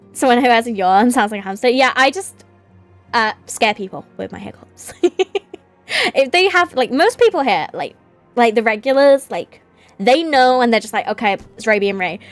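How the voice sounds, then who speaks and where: A woman's voice: fairly high pitch, animated, normal speed, long pauses, soft background music. A woman live streamer chatting casually to her viewers in a playful, rambling, giggly manner.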